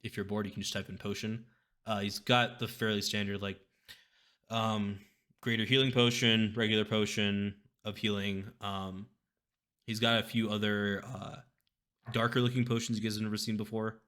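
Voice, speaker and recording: A man's voice: lowish voice, little pitch movement, normal speed, sharp tone. A man narrating a tabletop game as game master in a loose, informal way. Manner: informal, says y'all and like.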